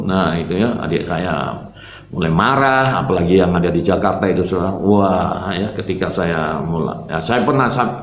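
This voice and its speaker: A man, a pastor, telling his personal faith testimony in an earnest storytelling way, calling his listeners "brother" after nearly every phrase. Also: fairly low pitch. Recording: roomy echo.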